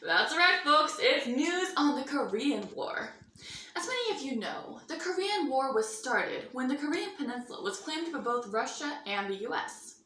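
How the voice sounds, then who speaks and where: As anchor of a student-style mock newscast, a woman reads a 1950s-style bulletin theatrically and sarcastically. Her high, sing-song voice is pushed and bright at a moderate pace, recorded far from the mic in a roomy, echoing space with faint noise.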